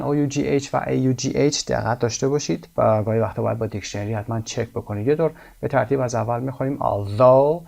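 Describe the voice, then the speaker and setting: A man with a Persian accent teaches a recorded English lesson, his voice gravelly with fry. He explains in Persian and slows right down to read English example sentences carefully. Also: mid-range voice, darkish tone.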